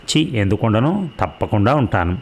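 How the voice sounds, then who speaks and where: A man voicing a shy young village girl in a storybook reading, using a soft, raised childlike voice. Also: lowish voice, sing-song, moderate pace. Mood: bashful.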